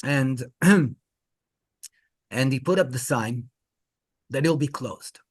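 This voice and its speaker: A male rabbi telling a story in an animated, halting way, often repeating words. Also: medium pitch, husky. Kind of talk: storytelling talk.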